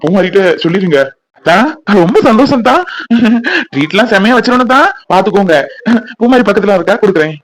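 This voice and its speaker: A man's voice: high-pitched, animated, fast talker, low-quality recording. A man voicing a cheerful new father sharing the news with his family in a cartoon. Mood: beaming. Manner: beaming, cheerful. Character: proud new father, warm older brother.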